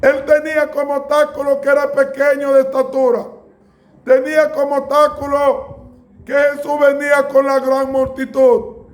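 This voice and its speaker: A man delivers a sermon in a very high, flat-toned voice. He speaks slowly and deliberately, and now and then he breaks into a shout. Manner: slow, emphatic preaching with bursts of shouting. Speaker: preacher.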